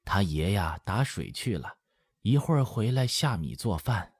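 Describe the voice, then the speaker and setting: A man's voice: lowish voice, big pitch swings, no room sound, exaggerated voice. A man voicing a very old, hard-of-hearing village grandmother who rambles and sighs in an audiobook. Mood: weary. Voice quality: slow, breathy, muttering old voice. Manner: rambling, sighing, lamenting. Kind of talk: audiobook character voice. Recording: dry close studio sound.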